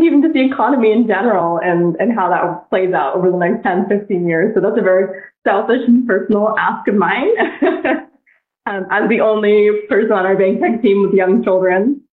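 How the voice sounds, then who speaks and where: Woman on a tinny, echoey line. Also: mid-range voice. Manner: thoughtful, frequent restarts and fillers. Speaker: guest, bank technology head. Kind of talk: casual podcast interview.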